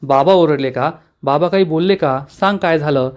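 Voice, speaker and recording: Man reading as a gentle, self-sacrificing teacher mother. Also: a little high, normal speed, close to an everyday voice. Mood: reassuring. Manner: soft, reassuring.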